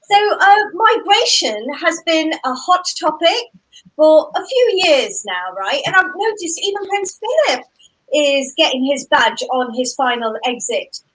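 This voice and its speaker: A woman's voice: high-pitched, animated, a little slow, a bit bright, low-quality recording. A woman from Zambia doing a stand-up comedy set, with punchy delivery and playful self-mocking asides.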